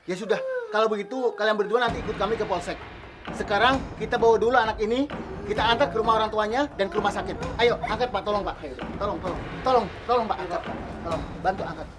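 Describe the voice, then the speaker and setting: An actor playing a police officer taking charge at a scene, urgent and commanding. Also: male voice, high-pitched, fast talker, background noise, lightly acted.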